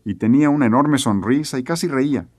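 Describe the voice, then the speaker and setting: A man's voice: mid-range voice, fast talker, darkish tone, dry recording. A middle-aged man teaching a sermon, telling a family story earnestly and acting out the voices he quotes. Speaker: preacher.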